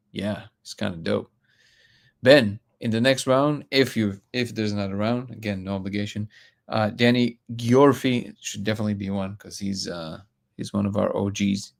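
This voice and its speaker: A man's voice: fairly low pitch, steady tone, normal speed, gravelly. A man from Russia hosting a live stream, reading comments aloud and talking bluntly with frequent restarts.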